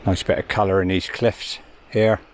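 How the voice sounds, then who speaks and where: Man from the UK, very deep voice, rambling photography vlog on the coast, faint outdoor hiss. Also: little pitch movement. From United Kingdom. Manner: rambling, halting with fillers. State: out of breath. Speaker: landscape photographer. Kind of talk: casual vlog narration. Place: outdoors on a beach and coastal cliffs.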